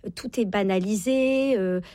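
A woman's voice: mid-range voice, measured pace, warm tone, no echo. A woman in her forties, a guest author on a radio interview, talking with many fillers and restarts. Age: 40s.

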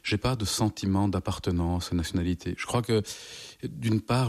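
A man in his forties, a guest in an interview, answering thoughtfully with frequent pauses and restarts. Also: lowish voice, darkish tone. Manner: thoughtful, halting, many restarts.

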